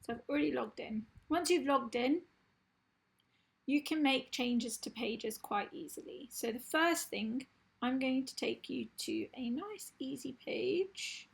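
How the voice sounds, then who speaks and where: A woman's voice: high-pitched, unhurried, low-quality recording. A woman losing her voice, explaining step by step in a screen-recorded website tutorial. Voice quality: husky, gravelly.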